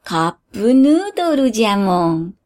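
A woman voicing a shady, lanky middle-aged male genie from a cup of noodles, speaking in a slow, old-fashioned, folksy drawl. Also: medium pitch, big pitch swings, darkish tone, lightly acted. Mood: sly. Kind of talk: storybook character voice.

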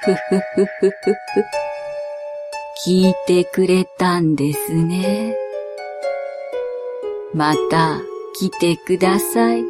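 A woman voicing a sly female death spirit who keeps a bookshop, talking softly and slowly with a creepy giggle. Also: lowish voice. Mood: eerie welcome. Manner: soft, slow, with a creepy giggle. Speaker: bookshop keeper. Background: music playing.

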